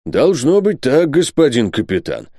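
A man's voice: medium pitch, huge pitch swings, measured pace, warm tone, no room sound, studio quality, voice pushed up. A man voicing a cheeky, loyal male orderly in a storybook reading, speaking in a wry, joking way.

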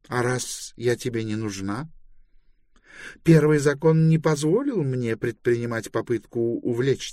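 A man voicing a self-assured young woman in an audiobook, answering with playful, sharp-tongued retorts. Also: mid-range voice, no echo, clean studio sound. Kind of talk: audiobook dialogue acting.

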